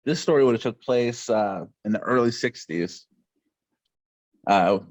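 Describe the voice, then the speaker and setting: A man's voice: mid-range voice, measured pace, no echo. A man from West Virginia co-hosting a casual podcast, telling a family story with dry jokes. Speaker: podcast co-host. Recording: dull dry podcast mic.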